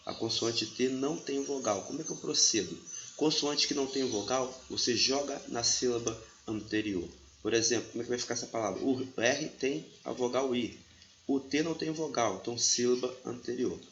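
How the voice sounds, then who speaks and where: A man's voice: mid-range voice, normal speed, fairly bright tone, a little hiss or hum. A man, teaching a grammar lesson step by step and often checking in with the listener. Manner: didactic, checks in with "tá bom?". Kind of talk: explaining a lesson. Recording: echoey room, slightly dull audio.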